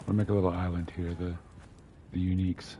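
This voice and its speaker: A man's voice: low voice, flat delivery, a little fast, highs cut off, noisy background. A man giving casual, muttering commentary while playing a game, with wry asides. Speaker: game streamer.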